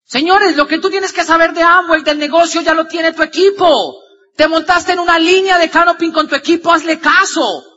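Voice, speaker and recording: A man giving an energetic motivational talk, swinging from loud shouts to low murmurs as he acts out dialogue. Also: moderate pace, long reverb tail, dull audio. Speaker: motivational speaker.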